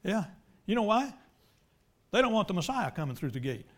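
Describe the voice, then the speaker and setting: A man preaching a sermon, emphatic and folksy, swinging from loud declarations to hushed asides. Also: high voice, sing-song, brisk.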